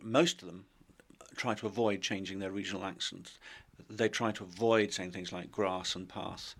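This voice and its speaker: A man giving measured, reflective explanations in an interview. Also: fairly low pitch, a bit bright. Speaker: expert interviewee.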